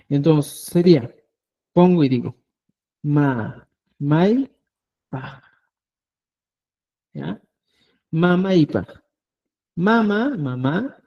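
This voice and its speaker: Slow, dark-voiced language teacher. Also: male voice, on the high side, highs cut off. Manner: slow, patient, keeps checking with "¿ya?". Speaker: Quechua teacher. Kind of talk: online language lesson.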